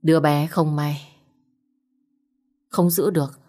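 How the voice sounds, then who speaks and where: A woman's voice: sits low, fairly even intonation, takes it slowly, warm tone. A woman voicing a scared young husband who keeps soothing and reassuring his wife. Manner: soothing, urgent.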